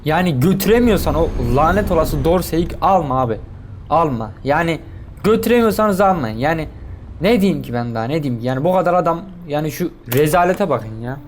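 A gaming streamer, an excitable man with a fairly high voice, keeps up running commentary as he plays. He piles up quick repeated words as things happen on screen, with faint game noise humming behind him.

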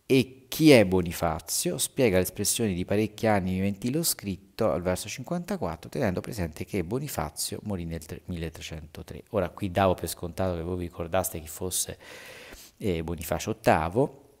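A male teacher giving a literature lesson, explaining answers haltingly and reading verses slowly with added emphasis. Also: on the low side, darkish tone. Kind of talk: literature lesson going over homework answers.

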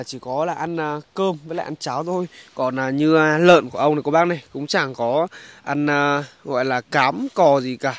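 A young man, narrating a casual outdoor vlog in a halting, conversational way and speaking directly to viewers. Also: a little high. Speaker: vlogger. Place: outdoors in a highland village.

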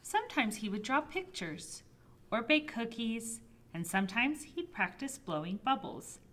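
A woman librarian reading a picture book aloud to toddlers, gently and expressively. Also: fairly high pitch, a little slow. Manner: gentle, expressive storybook reading with soft voices for characters. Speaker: children's librarian. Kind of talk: toddler storytime read-aloud.

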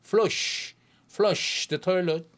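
Guy teaching english, high voice, says every phrase slow and over again. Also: a bit bright. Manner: repeats phrases slowly, drilling pronunciation. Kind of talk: slow English lesson explained in Korean.

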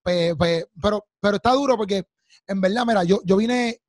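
A man's voice: high-pitched, moderate pace, no echo. A man, hosting an interview in an eager, affirming way, repeating his words. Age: 30s. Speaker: host. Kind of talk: casual interview chat. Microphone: studio mic with headphones.

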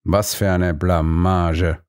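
Ein Mann, der in einem Hörbuch einen strengen, ungeduldigen älteren Kanzler spricht, herrisch und befehlend. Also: male voice, mid-range voice, normal speed, dry recording, clean studio sound, natural voice. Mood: verzweifelt.

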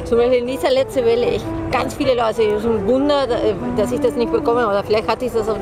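A woman's voice: fairly high pitch, steady tone, fast, loud music behind the voice. Hesitant woman searching for words. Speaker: passer-by.

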